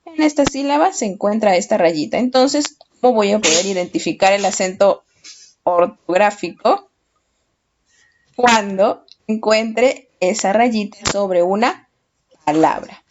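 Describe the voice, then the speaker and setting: Woman teacher, slow and patient, questions then answers them herself, dull lo-fi sound. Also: medium pitch, darkish tone, slight background noise. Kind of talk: children's lesson. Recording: dull lo-fi recording.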